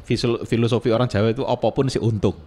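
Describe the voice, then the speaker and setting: A man's voice: mid-range voice, fast. A man, a bike mechanic telling a workshop story in casual chat, acting out the customer's lines. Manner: animated storytelling, acting out dialogue.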